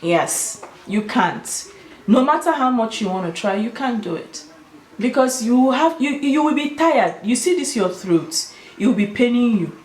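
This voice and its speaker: Nigerian woman vlogger, Igbo accent, highish and very animated voice, emphatic delivery, roomy echo. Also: measured pace. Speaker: video host. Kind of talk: casual opinionated talk to viewers. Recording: roomy, echoing sound.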